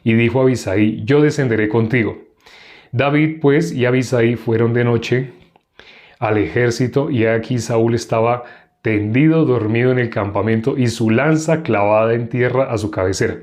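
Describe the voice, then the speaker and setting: A man reads a Bible passage at a measured pace, then breaks into lively commentary. He asks his listeners rhetorical questions in a plain, mid-range voice. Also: medium pitch. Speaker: Bible teacher. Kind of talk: scripture reading with commentary.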